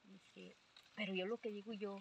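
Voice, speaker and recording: A woman's voice: medium pitch, fairly even intonation, moderate pace, gravelly, a little hiss or hum. An older woman with a Mexican accent, telling her story in a rambling way with many fillers, quoting what others said. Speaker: interviewee. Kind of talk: casual storytelling.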